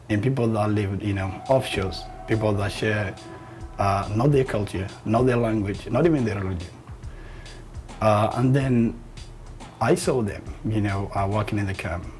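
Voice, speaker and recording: A man from Somalia speaks in a low voice, pausing often on "uh" as he tells his story. He is a medical student talking in an interview, with faint music underneath. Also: a little mellow. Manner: hesitant, many fillers. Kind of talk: interview testimony.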